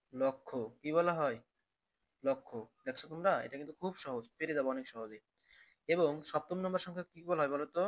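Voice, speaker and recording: Male teacher, a bit higher-pitched, with a patient, repetitive question-and-answer drill for children. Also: a bit bright. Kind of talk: classroom math lesson.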